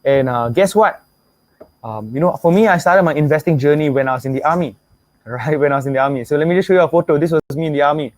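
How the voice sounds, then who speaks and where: Fast-talking and fairly high-pitched, a young Singaporean webinar host speaks in Singaporean English on a dry recording. His motivational pitch is energetic, full of repetition, and punctuated by requests for viewers to type their replies.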